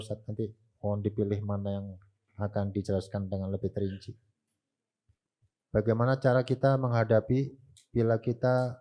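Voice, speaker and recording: Male moderator reading questions, low mellow voice, flat and polite. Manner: polite, measured, addresses the preacher.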